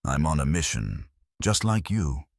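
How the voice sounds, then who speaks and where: A man voicing a cold, stern army captain with a faint German accent, clipped and commanding, in a dark fantasy audio story. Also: rumbling low, very animated, measured pace, dry recording, studio quality, exaggerated voice.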